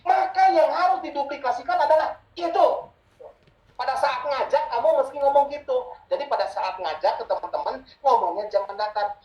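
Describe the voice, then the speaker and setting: A man with a high voice who coaches on business as a mentor. He talks emphatically and keeps repeating his key phrases. The room around him is echoey. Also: brisk, a little mellow. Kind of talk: sales coaching talk.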